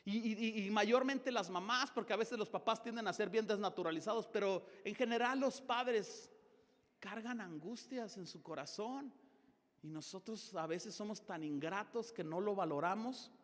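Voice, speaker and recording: Pastor, male, middle-aged, Mexican Spanish accent, high voice, sermon that acts out dialogues, long church-hall reverb. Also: moderate pace. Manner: dramatic shifts of tone, acting out dialogues.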